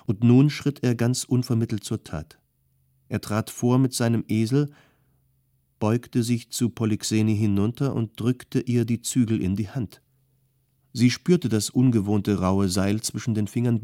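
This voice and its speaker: Low dark-voiced male narrator. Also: no room sound, clean studio sound. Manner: calm, measured storytelling. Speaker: audiobook narrator. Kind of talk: scripted narration.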